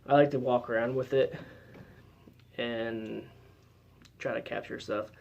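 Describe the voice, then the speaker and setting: A man's voice: mid-range voice, fairly even intonation, measured pace, creaky, darkish tone, dull audio. A man giving a casual how-to demonstration as a paranormal investigator, explaining in a loose, chatty way with lots of fillers.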